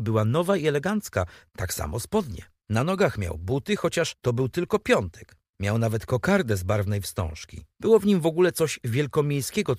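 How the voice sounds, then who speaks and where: A man's voice: mid-range voice, no room sound, clean studio sound. Man narrating a storybook expressively. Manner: expressive, animated reading. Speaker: audiobook narrator.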